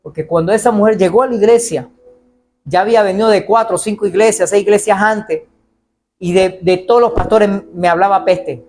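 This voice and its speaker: A man preaching a sermon as pastor in a church, animated and acting out the voices of people he quotes. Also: high-pitched, brisk, faint music behind.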